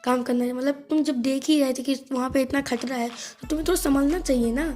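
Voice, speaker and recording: Fretful schoolgirl, read by a woman, scolding and tender, slightly high, faint music behind. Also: fairly even intonation, fast talker, darkish tone.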